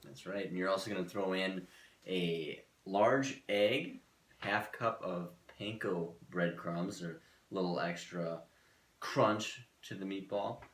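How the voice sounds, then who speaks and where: Man co-host, deep voice, dry teasing banter, cooking demo in an echoey kitchen. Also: slow pace, a bit bright. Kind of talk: casual cooking demo chat. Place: kitchen studio.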